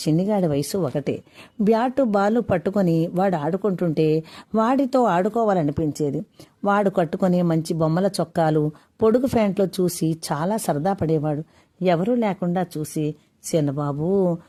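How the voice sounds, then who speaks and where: A woman author narrating a story in an earnest, expressive reading. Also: lowish voice, moderate pace.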